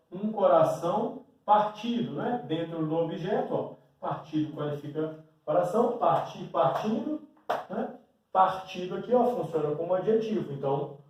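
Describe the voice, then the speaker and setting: A man's voice: on the high side, darkish tone. A male teacher giving a grammar lesson at a board with a Brazilian Portuguese accent, often checking in with a questioning "né?". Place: classroom with a board. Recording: very echoey room, mic far away.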